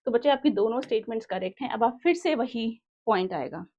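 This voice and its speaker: A woman's voice: on the high side, expressive, darkish tone, highs cut off. A young Indian woman teaching an online exam-prep literature class, mixing Hindi and English and reading questions aloud. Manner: switches between Hindi and English, reads questions aloud slowly.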